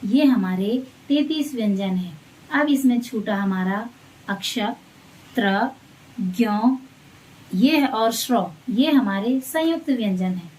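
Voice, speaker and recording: A woman teacher giving a grammar lesson to children, reciting letters and definitions slowly and patiently. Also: fairly high pitch, animated, darkish tone, recorded from a distance, low-quality recording.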